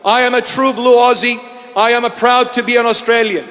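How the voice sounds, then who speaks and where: High-voiced man preaching in an echoing hall. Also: steady tone, a little fast. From Iraq. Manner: emphatic and repetitive, bursts into shouts. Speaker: bishop. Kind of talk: sermon. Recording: long hall reverb.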